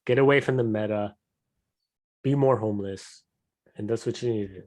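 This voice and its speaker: A man's voice: on the low side, normal speed, darkish tone. A young man co-hosting a casual podcast chat, easygoing and wry. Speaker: podcast co-host.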